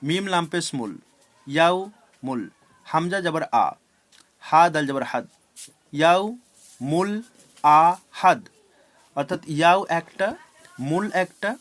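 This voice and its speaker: A man with a Bengali accent, teaching a class and spelling out Arabic words letter by letter in slow, deliberate drills. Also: fairly high pitch, fairly bright tone.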